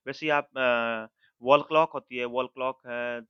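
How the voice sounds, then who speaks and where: A man, a Hindi-speaking English professor with an Indian accent, lecturing students, reading example lines slowly and imitating their sounds aloud. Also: medium pitch, steady tone, clear, resonant tone, dry recording, highs cut off. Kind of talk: recorded college lecture.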